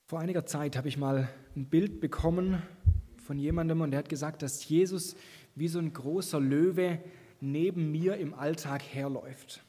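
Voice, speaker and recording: A man's voice: a little high, normal speed, warm tone. A man preaching a sermon, earnest and encouraging, speaking directly to his listeners. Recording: long hall reverb.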